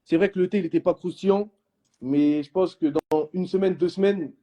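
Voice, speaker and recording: A young man telling reality-show stories in quick, slangy casual chat, acting out what others said. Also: high-pitched. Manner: animated storytelling in slang, acting out others' lines.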